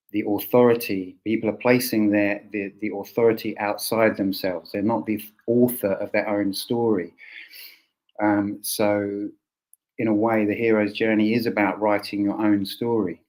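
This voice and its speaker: A man's voice: on the low side, a little mellow, low-quality recording. A man with a southern English accent hosting an informal roundtable, thinking aloud and often rephrasing. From Essex, England. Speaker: host.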